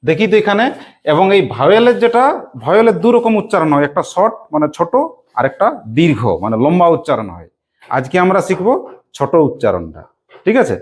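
Low-voiced woman teacher drilling pupils. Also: sing-song, darkish tone. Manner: drills pupils with call-and-response; asks children quick check questions. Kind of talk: classroom spelling lesson. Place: classroom with young pupils.

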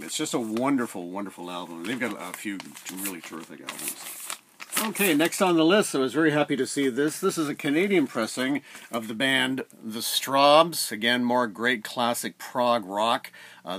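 A man's voice: medium pitch, fairly bright tone, slight background noise. A middle-aged man talking casually about records at home, rambling with many fillers, close to the camera. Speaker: record collector vlogger. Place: home room with shelves of records. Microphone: camera at close range.

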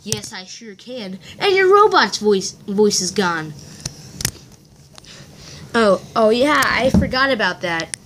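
A woman's voice: medium pitch, slow pace, pauses often. A woman improvising a toy-figure play, voicing every character and whispering prompts to a partner. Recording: steady background hiss.

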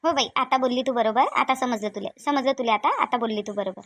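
A woman's voice: a little high, fast, a bit bright, dry recording. A fussing motherly village aunt with a Varhadi accent. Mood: comforting. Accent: Varhadi Marathi. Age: middle-aged. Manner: coaxing, fussing, repeats herself. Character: kind older village woman, motherly and talkative. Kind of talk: cartoon voice acting.

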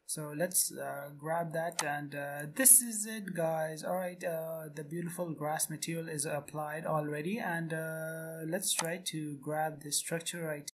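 A man narrating a screen-recorded software tutorial in quick, repetitive step-by-step phrases. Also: a little high, fairly even intonation. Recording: noisy home recording.

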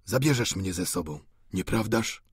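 A man reading an audiobook, voicing an aging, doting father who talks in a husky, pleading way. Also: expressive, no echo, clean studio sound. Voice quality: husky, slow and low.

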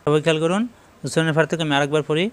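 A man's voice: a little high, steady tone, smooth. A man teaching Quran pronunciation, drilling the sounds of letters over and over in a firm, instructive way. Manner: repeats syllables in quick drills, firm instructive tone.

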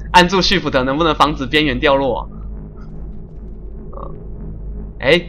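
A man streaming a puzzle game live, chatty and excitable, laughing often and making little sound-effect noises as he plays. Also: mid-range voice. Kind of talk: live gameplay commentary.

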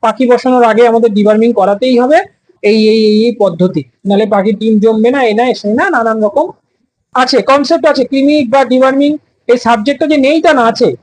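High-voiced bird breeder, emphatic. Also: male voice, a little mellow, no echo, low-quality recording. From West Bengal, India. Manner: emphatic, repeats phrases, many restarts. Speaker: bird breeder and product maker. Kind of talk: casual storytelling monologue.

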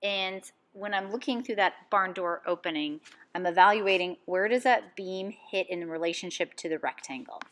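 A woman art teacher giving calm, step-by-step instructions in a drawing lesson voice-over. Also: medium pitch, normal speed.

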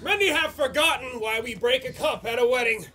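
An actor playing a solemn rabbi who speaks wistfully at a wedding on stage. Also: male voice, extremely high pitch, a little fast, music in the background. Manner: solemn, sermon-like. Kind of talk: live stage musical acting.

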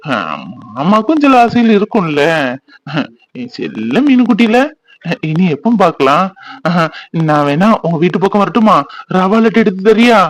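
A man's voice: sits high, animated, moderate pace, long pauses, dry recording, low-quality recording. A young man, playing a teasing, boastful village youth who dotes on his sweetheart. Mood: affectionate. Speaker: actor in a family fan drama. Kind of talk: village romance drama acting.

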